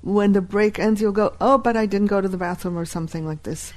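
A woman whose first language is Hebrew teaches a live workshop, deliberately repeating key phrases. Her voice is mid-range with a darkish tone.

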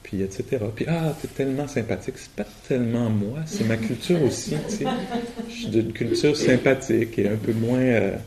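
A man with a Québécois French accent giving a relaxed, colloquial and humorous meditation talk at a retreat, often laughing. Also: medium pitch, normal speed, a crowd in the background. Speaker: meditation teacher. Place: retreat hall.

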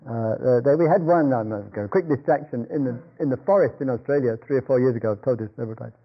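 A man's voice: mid-range voice, fast. Older guy meditation teacher, rambly storytelling, chuckles a lot, kinda dull lo-fi recording. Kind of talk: dharma talk with anecdotes.

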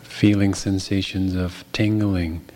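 A meditation teacher with a low-pitched male voice leads a guided meditation. His delivery is flat, gentle and unhurried, broken up by long pauses.

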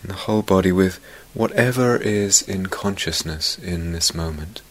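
A man leads a guided meditation, soft-spoken and gentle, with a voice that sits low. He leaves long pauses, and his phrases trail off toward a whisper.

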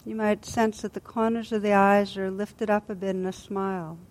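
Her medium-pitched voice shifting little in pitch, a woman teacher leads a body scan meditation. She guides it gently and soothingly, never rushing, and pauses at length.

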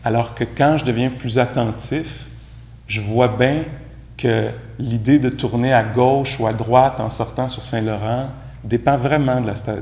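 A man with a Québécois French accent gives a Buddhist talk to a group. He sounds relaxed and conversational, with gentle self-mocking humor. His voice sits at an ordinary pitch, and the room around him echoes. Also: gravelly. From Quebec. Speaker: meditation teacher.

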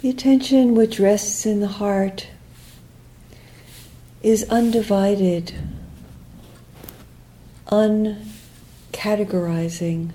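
Leading a guided meditation, a female teacher speaks softly in brief, unhurried phrases, leaving long pauses and letting her endings trail off quietly. Her medium-pitched voice holds a steady tone, with a little hiss or hum in the background.

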